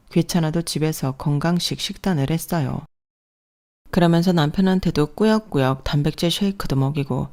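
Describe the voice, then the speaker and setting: A woman reads a first-person radio story, calm and confiding. Her voice sits low and mellow, steady throughout the telling. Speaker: story narrator.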